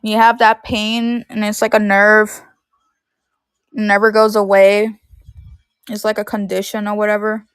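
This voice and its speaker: A woman's voice: medium pitch, level tone, a little slow, long pauses, smooth, no echo, clean studio sound. A woman in her thirties chatting casually and rambling on a live stream from her room at home, filling her talk with "like". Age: 30s. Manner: rambling, heavy use of "like".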